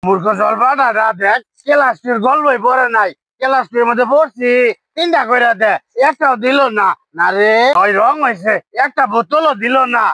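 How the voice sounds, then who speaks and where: A man with a rural Bangladeshi accent playing a loud, quarrelsome town drunk who whines and blusters in a village comedy skit. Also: extremely high pitch, moderate pace, no room sound, full character voice, rough recording. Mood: aggrieved.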